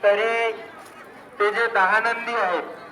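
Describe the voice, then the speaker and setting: A high-voiced man with a Vidarbha Marathi accent announces over an outdoor loudspeaker, formally reading out names one at a time. His delivery is slow and held to a narrow, level pitch. The sound carries from a distance, echoing across open festival grounds while a busy crowd chatters around him. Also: fairly even intonation, slight background noise. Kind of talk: public address announcement. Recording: echoey loudspeaker from far off with crowd.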